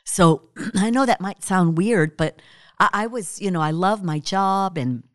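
A woman's voice: mid-range voice, measured pace, dry recording, studio quality. A woman, telling the story of her life in an interview and laughing often.

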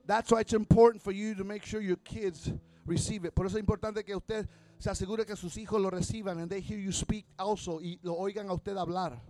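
A man preaching a sermon line by line with interpretation, impassioned and building to shouts. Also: high voice, fairly even intonation, normal speed.

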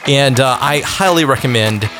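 A man's voice: medium pitch, normal speed, over music. A man, hosting a casual podcast as a pastor, chatty, informal and enthusiastic. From Southern United States.

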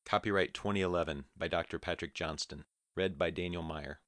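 A man reading a novel aloud as an audiobook narrator, measured and even. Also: low-pitched, dry recording, clean studio sound. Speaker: audiobook reader. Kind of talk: scripted narration.

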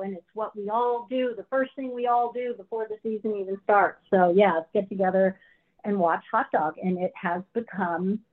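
A woman, a former actress, reminiscing casually about a film she was in. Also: on the high side. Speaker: actress, guest. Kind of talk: casual interview. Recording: phone-like line.

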